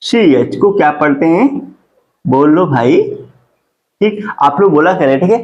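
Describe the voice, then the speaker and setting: A man teaching a classroom grammar lesson. He asks his students questions and answers them himself, and he spells words out slowly. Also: fairly high pitch, expressive, darkish tone. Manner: drawn-out slow spelling of words. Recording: dull lo-fi classroom recording.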